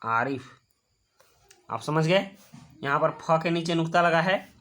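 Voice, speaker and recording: A male teacher whose voice is slightly high and a bit bright guides children through a worksheet in a steady tone. He explains patiently and step by step, repeating each word slowly so it sinks in.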